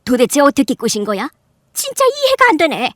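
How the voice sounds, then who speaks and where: A voice actress playing a rude, scornful middle-aged aunt in a radio drama, sneering and loud with high, incredulous outbursts. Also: female voice, huge pitch swings, fairly quick, no room sound, clean studio sound. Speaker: voice actor. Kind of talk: Korean radio drama acting.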